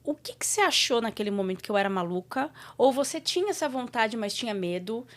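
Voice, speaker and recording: Host: woman, higher register, friendly encouraging interviewer. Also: animated, quick pace. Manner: friendly, encouraging questions with frequent tag questions. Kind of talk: casual interview conversation.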